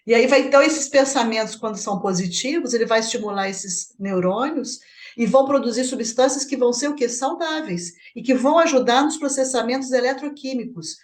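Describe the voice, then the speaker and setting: Explaining Brazilian woman, higher voice. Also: fairly quick. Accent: Brazilian Portuguese. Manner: explanatory, asks partner for confirmation. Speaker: study group host. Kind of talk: spiritist book study discussion.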